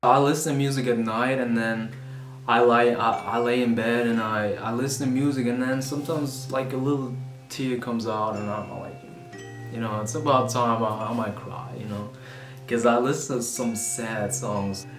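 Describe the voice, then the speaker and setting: His mid-range voice holds a steady tone at normal speed as he talks aimlessly to the camera about music. The man, a twenties-aged vlogger and musician originally from Vietnam, seems self-conscious and lets out the odd swear word, with music under a roomy-sounding recording.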